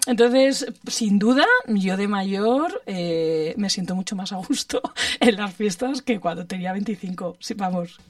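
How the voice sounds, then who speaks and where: A woman talks frankly and thoughtfully, often stopping to restart her sentences. Her voice sits at an ordinary pitch and comes from a little way off the microphone. The sound is dry, with no room echo. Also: unhurried, a little mellow. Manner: reflective, candid, with many restarts. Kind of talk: casual conversation. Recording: voice from a distance off the mic.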